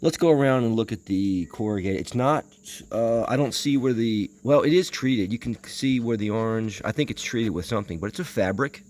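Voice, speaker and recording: A vintage audio enthusiast presents a video, offering unscripted hands-on commentary while inspecting something, rambling hesitantly and muttering to himself. His voice is on the low side and slightly mellow, at normal speed with few pauses.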